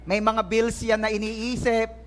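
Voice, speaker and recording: A pastor with a high, slightly bright, clean voice preaches in a church hall, delivering his words completely flat and a little slowly. He jokes playfully with the congregation, who laugh and respond faintly in the background of this lively sermon recorded during a service.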